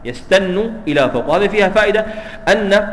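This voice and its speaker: A man's voice: high voice, expressive, quick pace, in a large hall, low-quality recording. A man teaching a religious text lesson, explaining step by step and often checking that students follow. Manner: asks students "clear?" often, explains with repetition. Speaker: Islamic studies teacher. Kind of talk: hadith commentary lesson.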